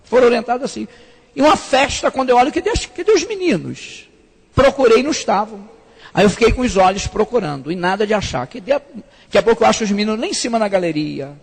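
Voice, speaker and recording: A man, a pastor, preaching to couples in a lively sermon and acting out the voices of the people in his stories. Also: high-pitched, fast, gravelly. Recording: reverberant church hall.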